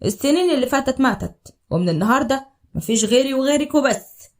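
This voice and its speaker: A woman voicing a devoted young husband from Upper Egypt in a storybook drama, speaking in a low, earnest Upper Egyptian accent. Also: animated, fast talker. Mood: tender. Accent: Upper Egyptian Arabic. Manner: low, earnest, tender declarations.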